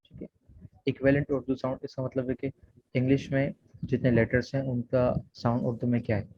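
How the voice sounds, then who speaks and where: A man's voice: medium pitch, little pitch movement, brisk, no room sound. A man with an Urdu accent teaching a beginner English lesson online, patient and repetitive as he explains sounds and words. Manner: patient, repeats "theek hai" often. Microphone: video call. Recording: dull, dry video call audio.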